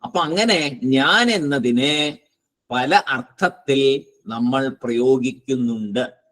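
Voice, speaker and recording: A man teaching a philosophy class, slow and deliberate, posing rhetorical questions and answering them himself. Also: mid-range voice, a bit bright, low-quality recording. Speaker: spiritual teacher. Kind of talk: Vedanta philosophy class lecture.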